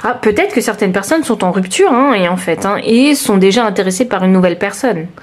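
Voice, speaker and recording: A woman giving a chatty, expressive tarot reading, talking straight to her listeners and exclaiming over the cards. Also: medium pitch, a little fast. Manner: addresses listeners directly. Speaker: tarot card reader. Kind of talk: informal tarot reading to camera.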